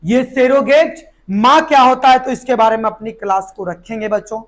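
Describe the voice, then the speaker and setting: Hoarse, high-voiced male teacher, keeps quizzing the class and answering himself. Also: moderate pace, a bit bright. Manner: asks the class questions and answers them himself, repeats key words. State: hoarse from a sore throat. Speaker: biology teacher. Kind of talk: live online exam-prep lesson.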